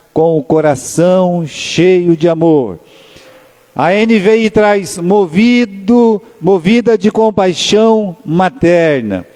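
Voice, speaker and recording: A male pastor with a Brazilian Portuguese accent preaching a sermon in a chatty, storytelling manner, often tagging questions onto his sentences and slowing down to read scripture. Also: a little high, dark tone. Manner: conversational storytelling, frequent tag questions, slows to read scripture. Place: church sanctuary. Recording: long church reverb.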